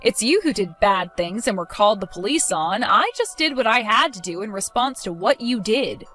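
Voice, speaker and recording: A woman's voice: medium pitch, lively intonation, normal speed, fairly bright tone, faint music behind, lightly acted. A woman voicing a protective young mother in a dramatized story, accusing and sarcastic.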